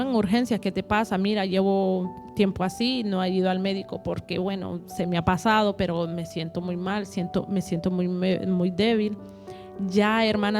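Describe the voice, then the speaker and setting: Giving a personal testimony during an interview, this woman has a medium-pitched, slightly mellow voice. Her speech is halting, with repeated words and reenactments of what others told her.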